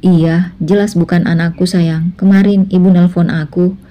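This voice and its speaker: A woman's voice: on the low side, little pitch movement, normal speed, lo-fi sound, natural voice. A woman voicing a self-assured adult husband in a spoken family drama story, in a casual tone.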